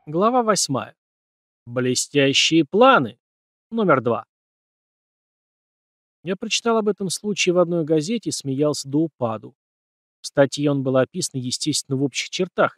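A man's voice: medium pitch, dry recording, studio quality. A man narrating a first-person crime story as an audiobook, acting out bits of dialogue.

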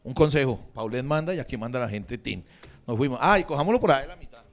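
Crude Bogotá comedian working the crowd. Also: male voice, medium pitch, lively intonation, fast. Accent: Bogotá Spanish. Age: 40s. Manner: crude, swearing, bantering with the audience. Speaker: stand-up comedian. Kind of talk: improvised stand-up crowd work. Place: comedy venue with a live audience.

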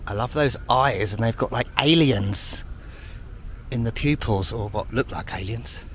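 With faint street and traffic noise around him, a UK travel vlogger ambles through city streets making chatty, wry remarks and self-deprecating jokes. His voice is mid-range, and his delivery runs a little slow.

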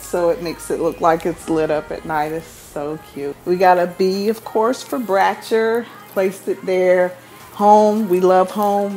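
This thirties-aged woman speaks in a fairly low, slightly mellow voice as she shows off her home's decor with upbeat enthusiasm. It's a casual tour narrated by a vlogger as she moves through the house, room by room.

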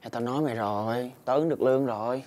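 A man's voice: medium pitch, fast, lightly acted. A young man, playing a hard-up student who defends himself in a quarrel, with music underneath. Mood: defensive. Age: young adult. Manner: pleading, then heated and shouting. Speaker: student and part-time worker. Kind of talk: web sitcom acting.

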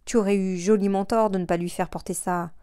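A woman's voice: medium pitch, normal speed, mellow, no echo, studio quality, lightly acted. A woman voicing a jealous young husband who needles his wife with insistent questions. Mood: needling, insistent.

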